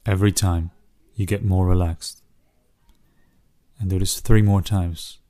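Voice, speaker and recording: A man with a low, dark voice leads a soothing guided relaxation in the manner of a sleep story narrator. He speaks gently, leaving long pauses between short phrases. The sound is close and dry. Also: fairly even intonation, dry recording.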